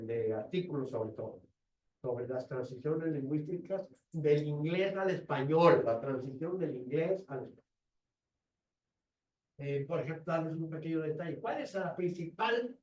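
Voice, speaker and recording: A man with a Mexican accent giving an academic conference talk, wry and lively, full of rhetorical questions. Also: on the high side. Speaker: guest lecturer. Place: lecture room. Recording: roomy, distant mic in a hall.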